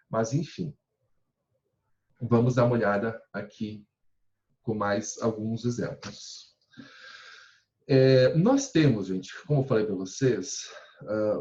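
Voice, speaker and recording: A male Portuguese teacher giving a recorded grammar lesson, patiently explaining and slowing down to spell out verb forms, often checking in with "tá?". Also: medium pitch, a little mellow. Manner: ends phrases with checking tags like "tá?". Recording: echoey room, dull lo-fi sound.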